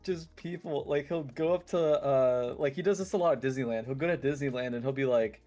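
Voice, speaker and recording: A young man banters with a friend in a relaxed, slangy way and throws out silly made-up bits. His voice sits at an ordinary pitch, with faint music under the talk. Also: brisk. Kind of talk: casual chat.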